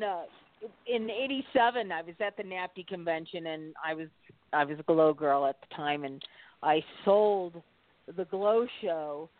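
Woman radio co-host, chatty, lowish voice, tinny phone line. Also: no echo. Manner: chatty, laughs while telling stories. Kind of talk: casual radio chat.

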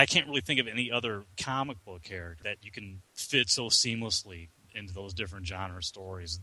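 A man's voice: on the low side, bright, forceful tone, no echo, rough recording. A man speaking casually as an interview guest, thinking aloud and often repeating words. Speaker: interview guest, fan expert. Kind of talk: casual chat.

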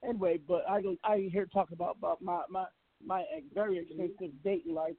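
A man's voice: sits high, fairly even intonation, quick pace, breathy edge. A man in his sixties hosting a casual call-in radio chat, laughing easily and stumbling over repeated words. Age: 60s. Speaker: radio show host. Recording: phone-line call-in audio.

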